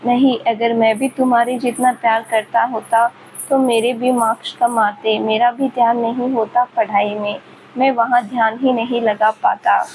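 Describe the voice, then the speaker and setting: A woman's voice: a little high, level tone, moderate pace, a little mellow, a little hiss or hum, natural voice, poor audio. A woman voicing a serious young man who blames himself in an earnest, grave tone in a storybook reading. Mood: anguished. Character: serious young man, hurt and self-blaming.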